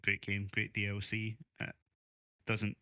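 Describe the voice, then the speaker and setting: A Scottish man co-hosting a casual gaming podcast, relaxed and chuckling with playful asides. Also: on the low side, unhurried, dull audio, slight background noise. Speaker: co-host.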